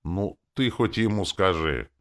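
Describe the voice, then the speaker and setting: A man voicing a gruff male orc warrior who growls and swears in an audiobook. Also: sits low, lively intonation, a little slow, a bit bright, voice pushed up. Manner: growling, coarse. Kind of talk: audiobook character reading.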